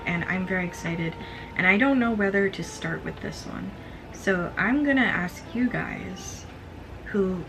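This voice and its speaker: A woman with vocal fry and a slightly strained throat, chatting casually and excitedly as she presents a book haul. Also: mid-range voice, noisy background. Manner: excitable, gushing asides.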